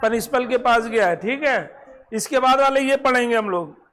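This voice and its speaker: A teacher giving a classroom lesson, asking the students questions and slowly repeating each word for them. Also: medium pitch, fairly bright tone, slight background noise. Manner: quizzes students, slowly drills words. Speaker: Arabic teacher.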